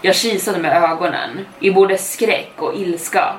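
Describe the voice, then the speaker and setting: A woman telling a first-person horror story as a podcast storyteller, in a measured, suspenseful reading. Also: on the low side. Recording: echoey room, distant mic, faint noise.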